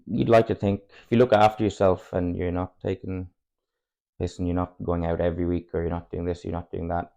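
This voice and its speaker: Guesting on a podcast, a footballer in his twenties from Cork, Ireland, who speaks Irish natively, talks openly and rambles with frequent chuckles. He has a deep, creaky, warm voice with flat, brisk delivery, and the recording's highs are cut off.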